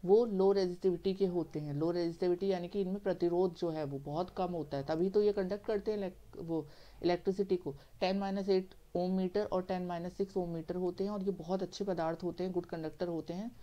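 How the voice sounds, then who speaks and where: A male teacher lectures in a mellow, warm voice. He works through each step methodically, asks questions and answers them himself, and keeps checking that the class is following. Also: high-pitched, muffled recording. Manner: repeats "theek hai" to check understanding. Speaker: science teacher.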